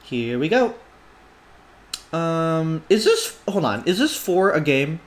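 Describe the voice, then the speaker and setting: A relaxed, unhurried streamer breaks down a song's melody on a live stream. They hum phrases on "da" and "ba" syllables to show the rhythm. They think aloud in a loose, casual way and answer viewer requests between examples. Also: medium pitch. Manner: hums melodies on nonsense syllables to demonstrate. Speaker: music analysis streamer.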